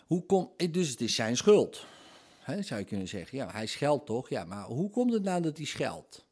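A man's voice: mid-range voice, big pitch swings, normal speed, a little mellow, breathy edge. A man giving an explanatory monologue on hypnosis, talking conversationally, working through everyday examples and often checking in with tag questions.

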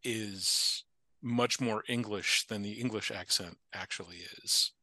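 A man's voice: fairly low pitch, measured pace, bright, forceful tone, dry recording. A man from the Appalachian United States, a podcast guest talking casually, thoughtful and digressive with frequent restarts. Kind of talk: casual conversation.

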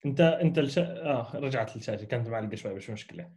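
A man's voice: medium pitch, very fast, darkish tone. A man, hosting a casual conversational interview. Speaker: interview host.

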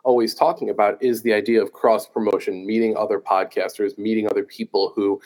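A man's voice: on the low side, level tone, fairly quick, a little mellow. A man with a New Jersey accent hosting a podcast interview, talking casually and chattily, joking about himself. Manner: chatty, self-joking, loose with fillers. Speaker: podcast host.

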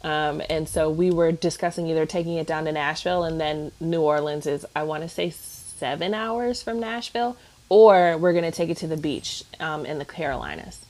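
A woman's voice: low voice, normal speed. Chatty woman telling a story. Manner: chatty, animated storytelling with frequent laughs. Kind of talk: casual podcast chat.

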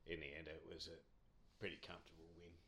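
A man's voice: extremely low pitch, monotone, fast, bright, forceful tone, a little hiss or hum. A middle-aged Australian man telling anecdotes in a casual chat, with a laid-back, blokey tradesman way of talking and plenty of quoted dialogue. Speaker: amateur club cricketer being interviewed.

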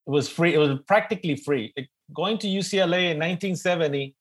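A middle-aged man with an East Los Angeles Chicano accent, moderating a webinar informally in a joking, animated way and often repeating words. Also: on the high side, fast. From East Los Angeles, United States. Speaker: panel moderator.

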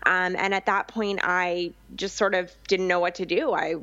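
A young adult woman from Vancouver Island, Canada, is a guest in a conversational interview about her business. Her voice is fairly low, steady, bright and forceful at normal speed, with frequent ums and restarts, in a dry, lo-fi recording.

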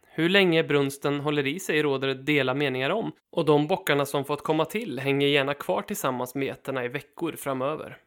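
A man reading his own hunting trip article aloud in a steady, matter-of-fact way. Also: a little high, creaky. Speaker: hunting writer narrating his trip report.

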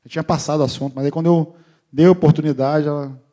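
Speaking fast and a little high, a middle-aged man delivers a sermon built around a family story. His telling is animated, and he imitates the voices of his family.

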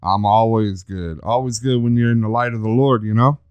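A man's voice: fairly low pitch, fairly quick, darkish tone, clear, resonant tone, dry recording. A man hosting a podcast who chats casually, teases his guest and jokes around. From Texas. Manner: jokey, teasing, chatty. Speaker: podcast host. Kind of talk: casual interview chat.

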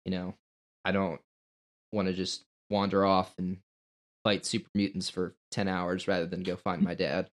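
Man, lowish pitch, podcast co-host, natural unscripted chat, casual, hesitant thinking aloud. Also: flat delivery, normal speed.

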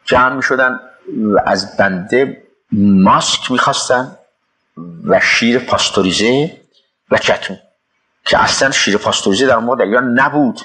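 An older man from Iran recalling his past work in a halting interview, with pauses and restarts. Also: mid-range voice, sharp tone, poor audio. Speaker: interviewee recalling his time as a city official. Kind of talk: reminiscing interview.

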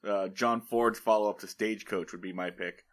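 A man's voice: fairly low pitch, steady tone, normal speed. A man hosting a casual film podcast, steering the talk wryly.

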